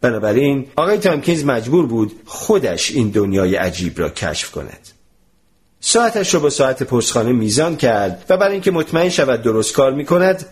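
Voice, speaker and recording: A male narrator reads a storybook aloud with an expressive, animated delivery. His pitch rises and falls widely, giving the telling a lively shape.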